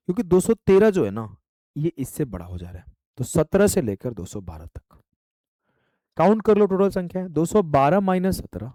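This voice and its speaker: A man teaches math in an online exam-prep lecture, addressing his students directly, asking them questions and voicing their answers back. His voice is on the high side and mellow, recorded with no echo.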